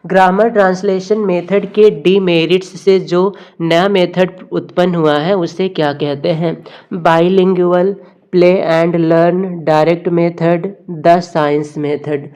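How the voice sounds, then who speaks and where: A woman teacher, going through exam questions, reading the slowly and explaining in Hindi. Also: fairly low pitch, fairly even intonation, mellow. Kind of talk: exam MCQ lesson.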